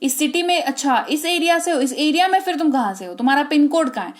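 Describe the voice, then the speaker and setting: A woman with an Indian accent teaching a spoken English lesson, explaining in Hindi mixed with English and often checking in with her listeners. She slows right down whenever she models an English sentence. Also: high voice, animated.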